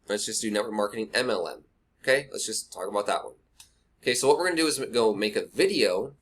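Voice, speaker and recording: A man's voice: on the low side, a bit bright. A man giving a blunt, rambling screen-recorded marketing tutorial, talking straight to the viewer through a cheap webcam mic at his computer desk. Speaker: online marketing instructor.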